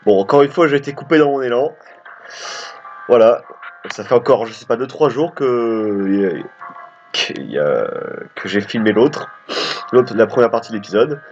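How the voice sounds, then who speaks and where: A man's voice: mid-range voice, expressive, moderate pace, pauses often, a little mellow. A man hosting a let's play, chatting casually and rambling as he plays, with frequent casual swearing. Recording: dull lo-fi audio with game music. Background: game music.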